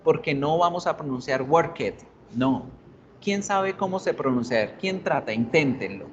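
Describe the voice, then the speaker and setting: A man teaching English in a live online class, his voice a little higher than most men's. He switches between Spanish and English, quizzes his students and repeats example words. The sound is dull and lo-fi, with a faint hiss behind it. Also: expressive, unhurried.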